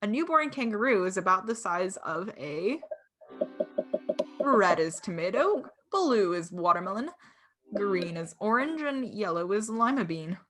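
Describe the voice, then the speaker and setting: A woman's voice: medium pitch, big pitch swings, a little slow, fairly bright tone, soft background music. A young woman hosting an online trivia game on a video call, chatty and giggly, with lots of filler words. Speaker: webinar host. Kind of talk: casual chat running online trivia.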